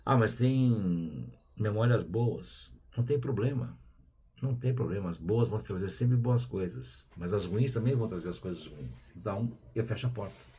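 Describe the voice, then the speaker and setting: His lowish, husky voice moves at a brisk clip as he hosts a spiritual show. The man has a Brazilian Portuguese accent and keeps it casual and conversational, sprinkling in tag questions and quiet asides.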